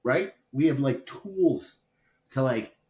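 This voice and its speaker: A man co-hosts a relaxed podcast chat, wandering through his points with plenty of filler words and bursts of playful drama. His voice sits at a middling pitch. The room around him rings with a noticeable echo. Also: takes it slowly. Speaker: podcast co-host. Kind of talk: casual chat. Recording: roomy echo.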